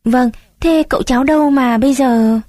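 A woman's voice: sits high, moderate pace, warm tone, no room sound, studio quality, voice pushed up, natural voice. A woman voicing a tearful, anxious young village mother who asks fretful, pleading questions.

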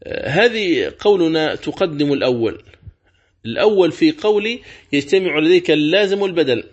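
Slow, deliberate male Quran teacher. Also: fairly high pitch, animated, breathy edge, muffled recording. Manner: slow, deliberate, repeats key words, draws out examples. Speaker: sheikh teaching Quran recitation rules. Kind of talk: religious lesson, explaining and repeating.

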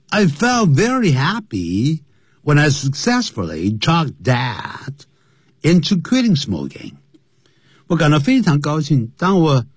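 A man teaching English on a radio program, explaining phrases slowly with repetition. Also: husky, no echo, studio quality. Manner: explains slowly and repeats phrases, lively drawn-out pitch. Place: radio studio.

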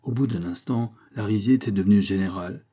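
Guy narrating a storybook, mellow and a bit husky, steady pace. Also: on the low side, quick pace. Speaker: audiobook narrator. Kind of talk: scripted narration.

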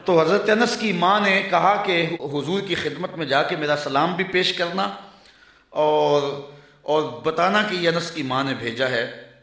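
A man preaching a sermon, telling stories and drawing out Arabic quotations slowly before explaining them. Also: fairly high pitch, fairly bright tone, echoey room. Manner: slow chanted Arabic phrases between storytelling. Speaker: Islamic preacher.

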